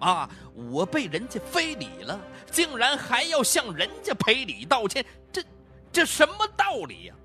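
A man's voice: extremely high pitch, lively intonation, fairly quick, sharp tone, soft background music, voice pushed up, exaggerated voice. A man voicing a young wronged saleswoman who protests in a choked, stammering voice. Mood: tearful.

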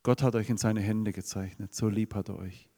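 A man's voice: on the low side, fairly even intonation, moderate pace, mellow. A man with a Swabian accent preaching a sermon, asking the congregation rhetorical questions. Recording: long reverb of a hall.

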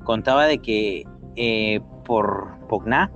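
A man's voice: lowish voice, slow, creaky, fairly bright tone, dull audio, faint music behind. A man with a Mexican accent telling paranormal stories in a casual chat, acting out quotes and sound effects. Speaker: storyteller guest.

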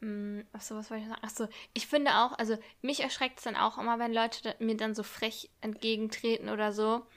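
A woman's voice: fairly high pitch, level tone, fairly quick, few pauses. A young woman chatting casually, backing up her friend with reflective, slangy comments. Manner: supportive listener, reflective and slang-heavy. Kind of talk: casual chat.

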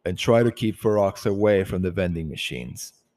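A protective leader of a band of creatures, as a man voices him. He speaks firmly and loudly, in a low-pitched voice. It comes from a homemade audiobook reading. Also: animated, moderate pace. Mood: commanding.

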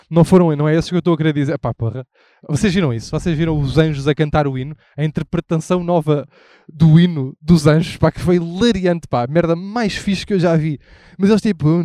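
A young man with a European Portuguese accent hosts a podcast outdoors on a city street, walking along with a handheld mic and rambling in a casual, irreverent way. He swears freely and drifts off into asides. His voice is fairly high and mellow, and the recording is dry and of studio quality.

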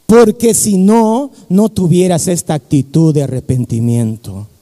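A man voicing a gentle pastor who soothes a frightened girl in a low, measured voice. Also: long reverb tail. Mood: reassuring. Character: calm, gentle male pastor comforting a girl.

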